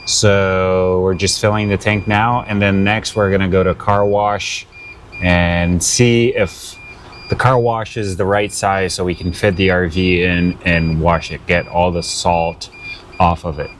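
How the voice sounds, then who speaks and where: A man with a low, unhurried voice talks through his travel day in a casual vlog, rambling along with plenty of fillers. He records from his RV and the roadside on smart glasses, with faint noise in the background. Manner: relaxed, rambling with many fillers. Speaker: vlogger. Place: inside an RV and outdoors on the road. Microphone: smart glasses camera.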